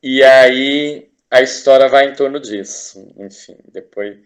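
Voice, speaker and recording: A Brazilian teacher and artist, speaking slowly in a mid-range voice, is a guest in a casual interview. He's enthusiastic and rambling, with frequent restarts and tag questions.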